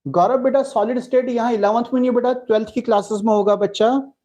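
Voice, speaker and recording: Fatherly Indian chemistry teacher, mellow tone. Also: very high-pitched, fast. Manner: fatherly, calls students "beta", answers chat messages. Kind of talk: live online class lecture.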